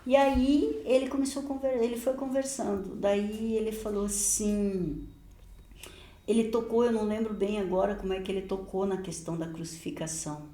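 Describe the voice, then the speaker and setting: Woman pastor telling a lively testimony. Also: medium pitch, normal speed, echoey room. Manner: lively storyteller, laughs often, acts out dialogue. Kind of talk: telling a personal testimony in podcast chat.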